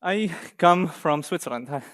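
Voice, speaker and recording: A young man from Israel giving a conference talk on slides in a university seminar room, lively and joking with the audience now and then. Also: on the high side, normal speed. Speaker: guest speaker.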